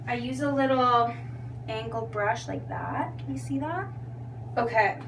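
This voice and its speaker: Tipsy, high-voiced young woman chatting casually. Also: unhurried, gravelly. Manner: tipsy, loose and giggly drunk delivery; self-deprecating. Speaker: makeup tutorial vlogger. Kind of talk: casual chatty tutorial to camera. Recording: distant mic with background noise and hum.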